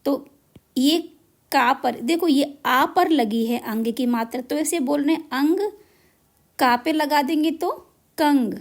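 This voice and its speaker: A woman teaching a children's lesson on letter marks, spelling out each syllable slowly and deliberately. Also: high voice. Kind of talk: Hindi matra lesson.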